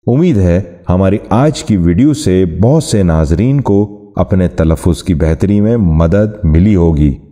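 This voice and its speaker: Very dark-voiced formal Urdu teacher, man. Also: deep voice. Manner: formal, courteous, slow deliberate enunciation of words. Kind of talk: scripted formal narration.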